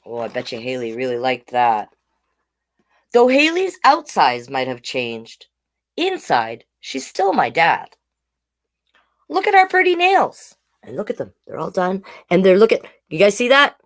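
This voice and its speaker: A woman reads a picture book at children's storytime in a lowish voice with wildly swooping pitch, keeping a measured pace. She talks to the young listeners in chatty, simple asides. Her explanations are aimed at kids and lean on tag questions.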